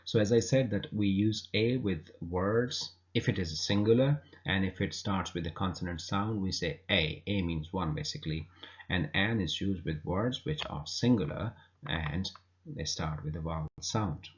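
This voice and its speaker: Male grammar teacher, very low voice, patient and repetitive delivery, dull lo-fi sound. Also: normal speed. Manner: patient, repeats himself with fillers. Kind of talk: explanatory lesson. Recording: dull lo-fi recording.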